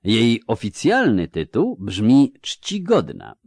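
A man's voice: fairly low pitch, very animated, unhurried, darkish tone, dry recording, clean studio sound, pitched above the performer's own voice. A man voicing a portly, pompous court chamberlain who speaks formally and pedantically about etiquette. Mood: pedantic.

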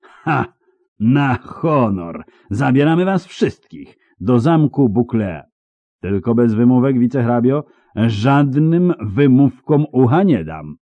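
A man reading an audiobook, voicing a boastful, blustering knight who speaks in a booming, slow, pompous drawl. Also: very animated, dry recording, phone-quality sound.

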